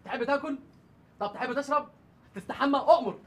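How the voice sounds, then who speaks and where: Servile comic man, Egyptian accent, fawning, very high pitch. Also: quick pace.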